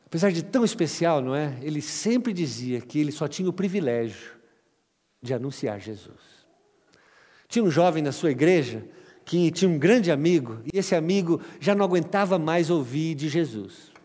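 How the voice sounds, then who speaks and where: A man's voice: fairly high pitch, normal speed. A man preaching a sermon to his church, telling a story and acting out its voices before reading scripture. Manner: animated storytelling, acts out dialogue. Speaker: pastor. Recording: church hall reverb with music.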